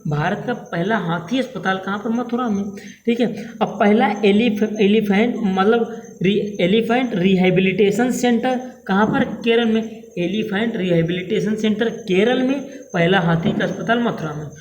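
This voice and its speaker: Man with a North Indian Hindi accent, quiz lecture, high-pitched, repeats questions, steady filler "theek hai". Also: moderate pace, a little hiss or hum, poor audio. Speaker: current affairs teacher. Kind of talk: exam-prep lecture.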